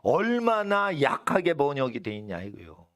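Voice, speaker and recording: A male pastor preaching a sermon, hammering home points with sharp high shouts, then dropping low to explain. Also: huge pitch swings, normal speed, no echo, clean studio sound. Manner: drops to a low, quiet explaining tone between outbursts. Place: church.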